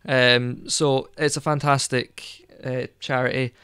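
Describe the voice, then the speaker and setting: A man's voice: medium pitch, little pitch movement, slow, pushed and bright, clean tone, no room sound, studio quality. A man co-hosting a podcast in casual chat, rambling and hesitant with lots of fillers. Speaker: podcast co-host.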